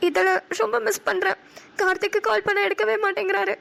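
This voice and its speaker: A woman's voice: very high-pitched, flat delivery, fairly quick, creaky, fairly bright tone, heavily acted. A woman voicing an anxious, heartbroken young mother in a cartoon, crying and pleading. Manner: tearful, pleading.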